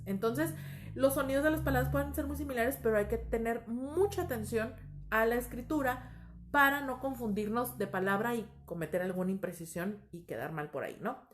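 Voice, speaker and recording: A woman teaching a language lesson, explaining slowly, with many fillers and self-corrections. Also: a little high. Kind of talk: recorded lesson.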